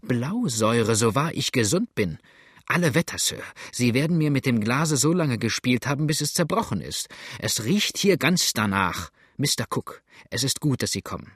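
A man voicing a small, brisk, callous male country doctor who talks in a clinical, eager way and often exclaims. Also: mid-range voice, very animated, slightly rough, dry recording, studio quality.

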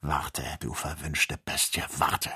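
A man doing a gruff, impatient hunter. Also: rumbling low, flat delivery, slow, pushed and bright, pitched below the performer's own voice, full character voice.

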